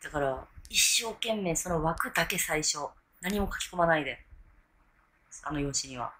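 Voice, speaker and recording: A woman's voice: low-pitched, lively intonation, moderate pace, a bit bright, slight background noise, poor audio. A drunk woman in her thirties chatting casually to camera, rambling and often losing her train of thought. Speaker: vlogger. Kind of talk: casual solo chat to camera. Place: small bedroom or hotel room, indoors.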